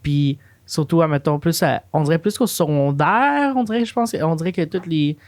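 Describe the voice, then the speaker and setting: A man's voice: a little high, moderate pace, no room sound. Hesitant man. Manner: hesitant, restarts and fillers. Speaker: podcast co-host. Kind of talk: casual conversation.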